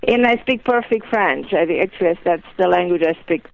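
Woman, 50s, Romanian accent, radio guest on a muffled line, halting delivery. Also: lowish voice, lively intonation, gravelly. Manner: hesitant, searching for words. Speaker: guest caller, psychologist. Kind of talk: phone-in interview.

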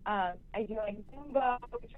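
A woman's voice: medium pitch, moderate pace. A woman calling in on a cell phone that keeps fading in and out, talking casually and hesitantly with many ums. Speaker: caller. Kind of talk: casual call-in chat. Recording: dry, tinny phone line.

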